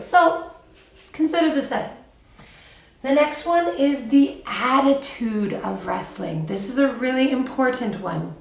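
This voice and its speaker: A woman's voice: fairly high pitch, recorded from a distance. A young woman and mom, giving parenting advice in a casual vlog, chatty, laughing often and livening up when she quotes her kids. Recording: echoey room, voice off-mic.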